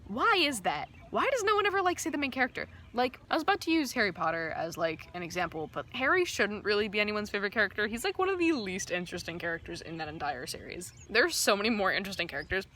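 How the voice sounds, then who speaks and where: A woman with a bright voice at a medium pitch chats to camera as a book vlogger. She is effusive and rambles from thought to thought. Her delivery is casual, peppered with "like". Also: very animated, fast talker, few pauses, a little hiss or hum. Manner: effusive, rambling, uses "like" often.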